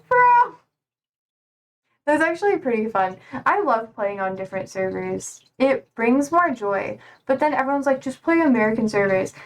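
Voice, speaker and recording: On a live stream, a young woman with a voice on the high side chats casually and reads viewer comments aloud, rambling in slangy speech full of "like."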